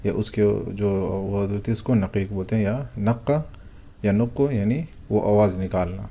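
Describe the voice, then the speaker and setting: A man's voice: on the low side, steady tone, warm tone. A man teaching a vocabulary lesson, explaining words one at a time with frequent hesitant fillers and asking and answering his own questions. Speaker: Arabic teacher.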